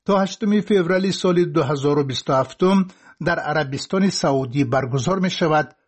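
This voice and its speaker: A man reading scripted sports news in a formal, measured way. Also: fairly high pitch, husky. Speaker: newsreader.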